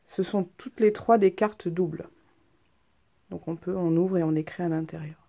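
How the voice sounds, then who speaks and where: A woman with a lowish voice and fairly even intonation speaks at a normal speed, with the highs cut off. She's a craft vlogger with a stuffy head cold, showing off her handmade cards in a casual, chatty show-and-tell that's hesitant and full of ums.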